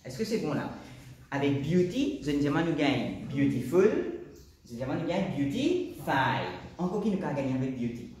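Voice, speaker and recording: A man's voice: a little high, sing-song, normal speed, crowd noise. A man with a Mauritian accent teaching a class, asking questions and repeating students' answers. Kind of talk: classroom lesson. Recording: echoey classroom from far off.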